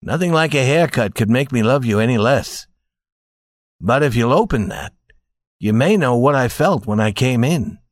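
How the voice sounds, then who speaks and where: A man reading as a gentle, earnest young husband. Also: mid-range voice, expressive, moderate pace, no room sound, clean studio sound, lightly acted. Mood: tender. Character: gentle, dazed young husband in a Christmas tale.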